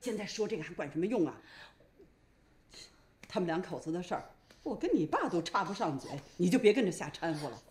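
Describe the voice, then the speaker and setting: A woman's voice: fairly low pitch, lively intonation, brisk, long pauses, darkish tone, natural voice. An actress playing a doting older grandmother who soothes a crying baby. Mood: soothing. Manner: cooing, soothing. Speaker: mother and grandmother. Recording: echoey room with crowd noise.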